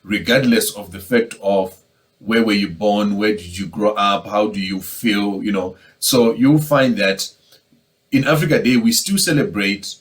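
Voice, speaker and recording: Male moderator, low voice, relaxed panel chat that acts out little dialogues. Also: a little slow, poor audio. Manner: conversational, acts out quoted exchanges. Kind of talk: casual panel discussion.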